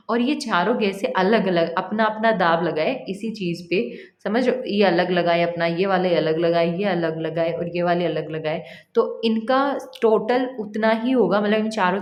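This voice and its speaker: A woman teacher with a Rajasthani Hindi accent speaks in a slightly low voice. She explains chemistry step by step in a chatty, teasing manner. The sound carries a roomy echo. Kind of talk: casual teaching lesson. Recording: echoey room.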